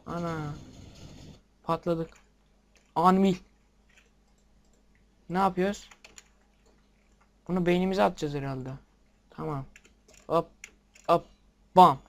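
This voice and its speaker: A young man giving casual game commentary, excitable, swearing at the game and talking to his viewers. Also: a little high, very slow, long pauses. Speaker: gameplay video maker. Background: keyboard and mouse clicks.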